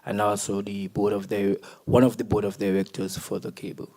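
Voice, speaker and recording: A man's voice: lowish voice, little pitch movement, fairly quick, warm tone. A man with a Caribbean accent introducing himself at a meeting. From Saint Kitts and Nevis.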